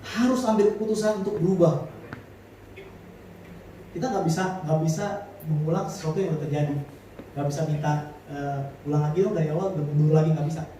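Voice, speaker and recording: A male pastor delivers a sermon in loose everyday slang, swelling into fervent appeals. His voice sits high and carries from a distance through a big echoing church hall. Soft music plays underneath. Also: fairly even intonation, a little fast, pauses often, slight background noise. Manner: colloquial Jakarta-style slang, rising to fervent exhortation. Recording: echoey hall from far off, music behind.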